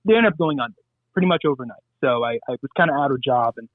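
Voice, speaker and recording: A man's voice: mid-range voice, expressive, fast, no echo. A man as a radio guest, talking in a loose, rambling way with crude humor and many fillers. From Southern California. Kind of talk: casual radio interview. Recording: tinny phone-line sound.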